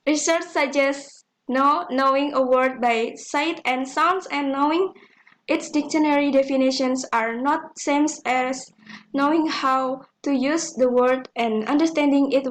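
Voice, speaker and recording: A woman's voice: high voice, slight background noise. A young woman, a student presenter carefully reading a class presentation aloud with small slips. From Indonesia. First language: Indonesian. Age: young adult.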